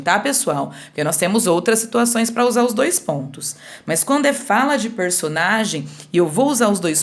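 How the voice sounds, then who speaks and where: A woman teacher giving a remote school lesson, explaining slowly step by step and often checking that her students follow. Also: mid-range voice. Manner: slow, explains step by step with frequent checks for understanding.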